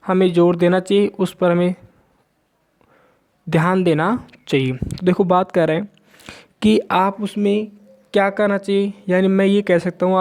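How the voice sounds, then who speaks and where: A male teacher with an Indian accent lecturing students. He reads English lines slowly, then explains and repeats each point in Hindi. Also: sits high, a little mellow. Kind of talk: classroom lecture.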